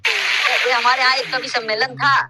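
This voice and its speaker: A man doing stand-up comedy who tells his jokes with laughs and shouts out the punchlines. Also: very high voice, level tone, brisk, background noise. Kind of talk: stand-up joke telling.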